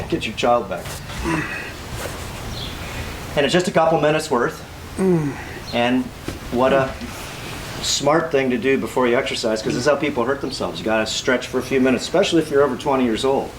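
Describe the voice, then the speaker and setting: A man's voice: mid-range voice, a little fast. A man giving a casual, rambling exercise demonstration, instructing as he goes and repeating himself. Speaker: workout host. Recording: clearly noisy ambient background.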